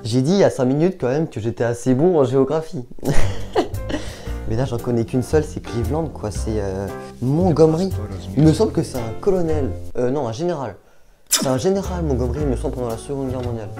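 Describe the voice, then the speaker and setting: A man's voice: mid-range voice, animated, quick pace, over music. A young man chatting casually to his viewers while thinking aloud, hesitant and chatty. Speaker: youtuber. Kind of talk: casual vlog chat.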